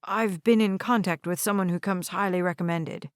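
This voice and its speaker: A woman voicing a scheming, greedy man who speaks in a smooth, insistent way. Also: mid-range voice, steady tone, moderate pace, dry recording, clean studio sound, lightly acted.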